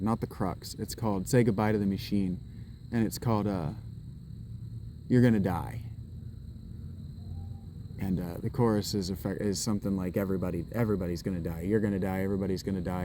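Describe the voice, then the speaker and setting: A low, dark-toned male vlogger talks to the camera he holds while walking in public, with slight background noise. His monologue rambles, he keeps restarting sentences, and he drifts into musing aloud.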